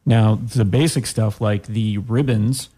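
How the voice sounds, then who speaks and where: A man's voice: lowish voice, fairly even intonation, takes it slowly, warm tone, breathy edge. A man being interviewed, explaining his hobby in a casual, easygoing way with dry humor. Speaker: interview guest, typewriter hobbyist.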